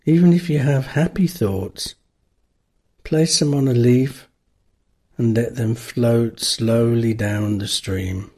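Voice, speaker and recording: Slow, husky male meditation guide. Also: medium pitch. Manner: calm, unhurried, gently instructing with long pauses.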